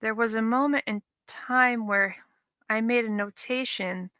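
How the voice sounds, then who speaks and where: A woman's voice: a little high, a little slow, sharp tone, clean tone, no room sound. A woman hosting a stream who reads viewer comments and rants in exasperation, firing off rhetorical questions and stumbling over repeated words. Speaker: livestream host reading chat.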